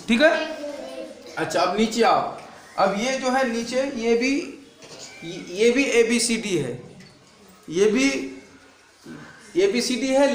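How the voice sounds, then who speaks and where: During a classroom lesson, a man drills letters with his pupils through repetitive call-and-response questions and tells them off for being noisy. His voice is very high and fairly bright, echoing around the room.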